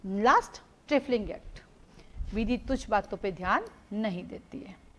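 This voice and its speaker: A woman teaching a live law class, explaining through lively everyday stories, mixing Hindi with English legal terms and repeating key points for students to note. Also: mid-range voice, unhurried. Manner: animated storytelling with everyday examples.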